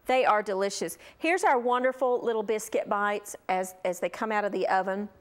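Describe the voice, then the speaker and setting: A woman's voice: mid-range voice, normal speed. A middle-aged woman hosting a cooking show, gushing enthusiastically over the food she demonstrates.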